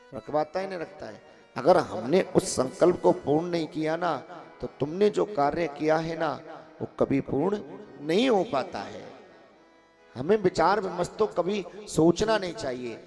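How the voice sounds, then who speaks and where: Male kathavachak, animated and conversational, keeps prompting the crowd; faint music underneath. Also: fairly high pitch. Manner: animated, questions the audience often, calls out to listeners. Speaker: kathavachak preacher. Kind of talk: devotional katha sermon. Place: ashram hall with a seated audience.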